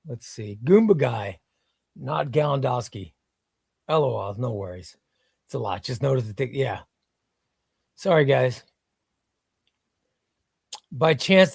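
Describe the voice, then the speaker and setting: This man, an Illinois comic book seller whose first language was Spanish, hosts a casual livestream, reading viewer comments in a rambling, offhand manner with the odd swear word. His voice sits on the high side and sounds creaky, captured in a dry, studio-quality recording.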